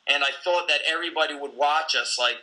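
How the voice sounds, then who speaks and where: Man, forties, very bright voice, slightly high pitch, blunt, intense, swearing, casual podcast talk. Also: fast, poor audio. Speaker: gym owner and coach.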